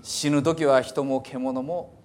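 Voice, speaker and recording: A man's voice: medium pitch, steady tone, takes it slowly, a little mellow, a little hiss or hum, lightly acted. A man reading scripture aloud as a stern old psalmist, declaiming in an old Hiroshima dialect. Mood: solemn warning. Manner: emphatic, declaiming. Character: stern old male psalmist preaching mortality.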